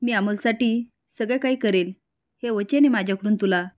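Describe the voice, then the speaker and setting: A woman's voice: fairly high pitch, normal speed, a little mellow, natural voice. A woman reading the lines of a remorseful young husband and father, in an earnest, pleading tone.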